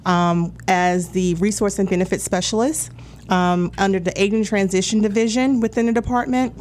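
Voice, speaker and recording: A woman's voice: medium pitch, fairly even intonation, moderate pace, darkish tone, slight background noise. Woman, forties, wellness coordinator guest, friendly explanatory talk, casual radio chat. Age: 40s.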